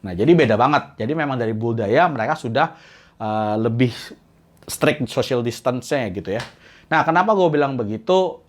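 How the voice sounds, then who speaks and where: A man, casually explaining dating tips in a chatty, slangy way. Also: moderate pace. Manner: slangy, chatty, jumps between high excited bits and low asides. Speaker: vlogger giving dating tips.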